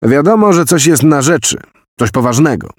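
A man's voice: on the high side, expressive, normal speed, no echo, studio quality, pitched above the performer's own voice. A man voicing an agitated American general who heads an intelligence office, given to long declamatory tirades. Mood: irritated. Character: blustering American general, spy chief.

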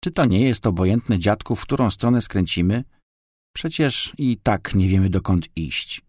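A man's voice: lowish voice, lively intonation, darkish tone, no room sound, studio quality. A man reading a storybook, voicing a bold, bossy young girl who gives orders. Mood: puzzled. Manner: brisk and commanding.

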